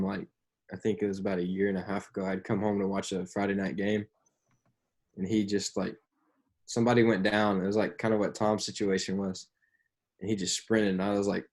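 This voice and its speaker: A man's voice: on the low side, a little mellow. A man in casual podcast chat, an athletic trainer telling stories in an understated way.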